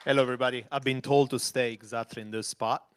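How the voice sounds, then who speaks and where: Presenting at an event venue on a handheld microphone, this Italian executive delivers a relaxed conference talk full of fillers and restarts, in an Italian accent. He speaks quickly with fairly even intonation in a mid-range voice, and there's slight background noise.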